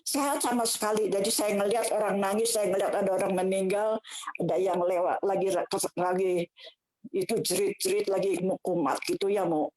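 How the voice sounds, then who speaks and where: An older woman, telling a personal church testimony in an emotional, halting way with many restarts. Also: mid-range voice, fairly even intonation, a little mellow, low-quality recording. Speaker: church member giving testimony.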